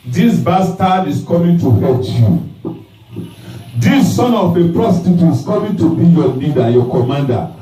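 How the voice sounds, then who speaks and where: A preacher retells a scripture story in a dramatic, emphatic sermon. He speaks slowly, and his pitch rises and falls a lot, with sudden shouts. His voice comes from a distance through a roomy hall. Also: sing-song.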